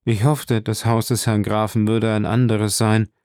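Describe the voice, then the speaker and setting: A man's voice: fairly low pitch, level tone, a little slow, darkish tone, no echo, studio quality. A man voicing a terrified, superstitious male steward who stammers and pleads. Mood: frightened.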